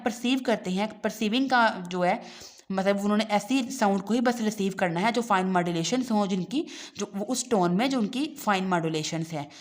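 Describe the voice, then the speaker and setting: Woman tutor, mid-pitched voice, slow textbook readings then chatty explanations. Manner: reads textbook lines slowly, then explains them conversationally; addresses the class directly as students. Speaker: teacher. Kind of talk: exam-prep lecture.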